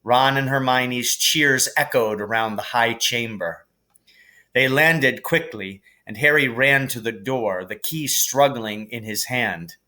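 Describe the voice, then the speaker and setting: A teacher reads a novel aloud, narrating the storybook expressively in a measured, deliberate way. His voice sits at a medium pitch.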